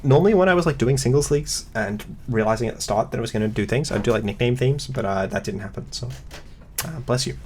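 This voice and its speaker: A man's voice: medium pitch, quick pace, a little mellow, slight background noise. A man hosting a casual chat about competitive games, rambling with lots of fillers and wry asides. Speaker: podcast host.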